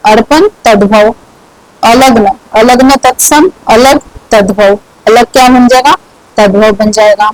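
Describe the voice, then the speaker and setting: A woman teaching a grammar lesson at a slow, deliberate pace, with a voice that sits a little high. She says each word twice and asks herself questions, then answers them. The sound is dry and close, with no room echo.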